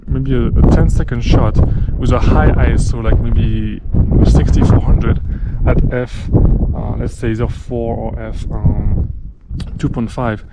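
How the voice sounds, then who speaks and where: A man in his thirties making a casual how-to vlog about night sky photography, talking in a relaxed way with many fillers, outdoors in a windy desert at night. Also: medium pitch, unhurried, gravelly. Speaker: astrophotographer vlogger. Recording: loud wind noise outdoors.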